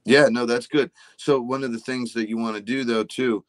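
With a steady tone at normal speed, a man in his forties from a supplement company explains health ideas in a casual conversation. His mid-range voice carries no echo, and he often checks in with "right?"

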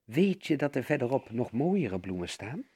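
A cunning big wolf with a husky, lively voice, put on by a man reading aloud. He is smooth and falsely friendly, a hungry storybook villain with a rough edge. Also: mid-range voice, moderate pace. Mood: sly.

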